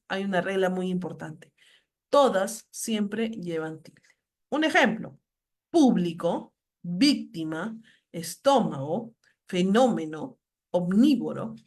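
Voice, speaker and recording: Woman lecturer, grammar lesson, deliberate and emphatic on examples. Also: medium pitch. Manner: slow, stressed reading of example words.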